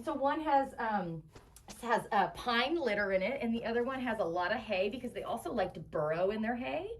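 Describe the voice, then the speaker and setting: A high-voiced woman, caught on a slightly distant mic with faint background noise, guides children through the indoor rooms of an animal shelter. She works as a shelter guide on an educational virtual tour, explaining things enthusiastically in simple, child-directed language.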